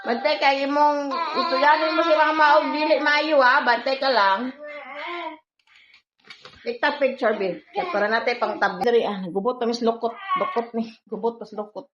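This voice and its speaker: Vlogger: young Filipina mother, high bright voice, chatty with viewers, baby talk to her toddler, echoey room. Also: fairly even intonation, normal speed, muffled recording, background noise. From Philippines. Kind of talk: casual home vlog chat.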